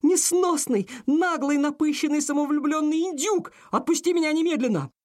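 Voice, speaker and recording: A man reading a story aloud, voicing an angry, flustered young princess with high, shrill outbursts. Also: moderate pace, a little mellow. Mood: furious. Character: young woman, proud princess, furious and flustered.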